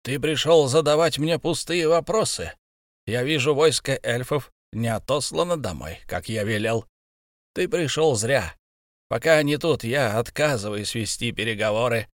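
A grim, wrathful dwarf king, read by a male narrator in a plain mid-pitched voice. He speaks with stiff pride and harsh edges. The sound is dry and close, like a storybook reading. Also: moderate pace, no echo, close to an everyday voice. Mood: stern proud. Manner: stern, proud, harsh.

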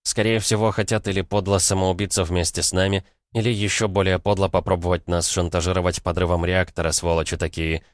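A man's voice: sits low, level tone, fairly quick, hardly any pauses, no room sound, studio quality. A man narrating a first-person audiobook in a colloquial, wry tone.

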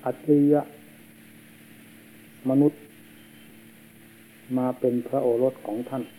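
A man, a monk, giving a slow and solemn sermon, heard on an old worn tape. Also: medium pitch, fairly even intonation, mellow, poor audio. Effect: old worn tape recording.

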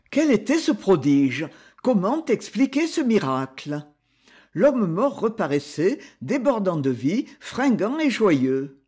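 A man reading an adventure novel aloud as an expressive audiobook narrator. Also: high voice, husky. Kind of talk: scripted narration.

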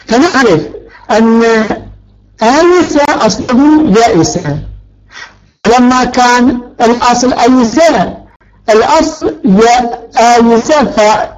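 A man's voice: extremely high pitch, expressive, measured pace, muffled recording. A male teacher giving a grammar lecture, stretching out key words and quizzing his students. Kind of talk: Arabic morphology lecture.

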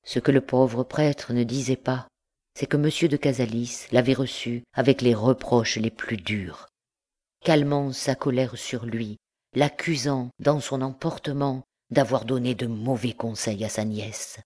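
A woman narrating a classic novel as an audiobook in a measured, expressive reading. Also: a bass voice. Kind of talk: scripted narration.

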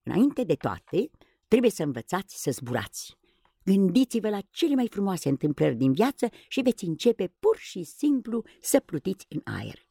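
A woman's voice: medium pitch, big pitch swings, vocal fry, mellow, husky, no echo, clean studio sound, pitched above the performer's own voice, exaggerated voice. A woman voicing a bold, commanding boy hero in a storybook reading. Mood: confident. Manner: confident, bossy.

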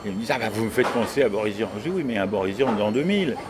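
A man, a singer-songwriter guest, talking in a casual radio conversation, animated, opinionated and a bit cynical. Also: on the low side, very fast. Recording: busy crowd noise behind.

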